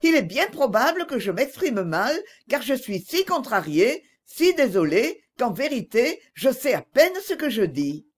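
A woman's voice: a little high, sing-song, measured pace, few pauses, voice pushed up. A woman voicing a distressed young heroine. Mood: earnest pleading. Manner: earnest, pleading. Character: young gentle woman, distressed but firm.

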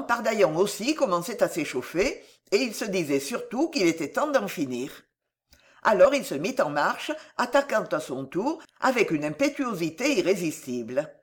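Expressive, theatrical audiobook narrator. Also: mid-range voice.

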